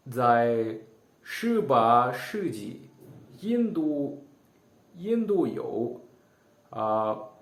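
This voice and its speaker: An Indian-accented man explains things to viewers in a language that is not his own. He speaks at a very slow, halting pace, repeating words and reaching for English terms. His pitch moves up and down a lot, and the room around him sounds echoey. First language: not Chinese, a learner. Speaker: video presenter. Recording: roomy, echoing sound.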